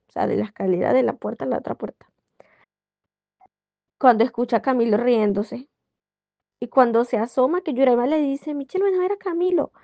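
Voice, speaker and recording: Woman, rambling anecdote, fry in the voice, muffled dry recording. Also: on the high side, no echo. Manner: rambling, with many restarts. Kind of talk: casual anecdote telling.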